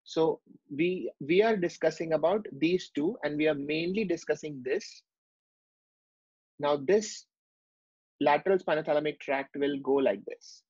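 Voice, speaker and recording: In this recorded online medical class, the lecturer works through a drawn whiteboard one step at a time, often using fillers and starting over. His voice is a little high, slightly rough, and darkish, his pace a bit slow, and the dull lo-fi recording has no room sound.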